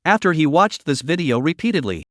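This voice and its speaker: A man narrating a dramatic recap story in a scripted, animated reading style. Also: a little high, brisk, no echo, studio quality.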